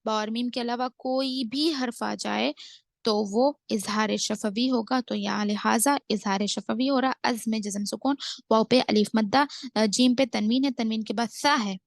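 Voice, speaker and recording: A woman with an Indian Urdu accent teaching tajweed, explaining the rules step by step and reciting verses in slow, drawn-out phrases. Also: a little high, fairly even intonation, gravelly, no echo. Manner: methodical, drawn-out recitation between brisk explanations. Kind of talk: tajweed lesson, explaining then reciting slowly.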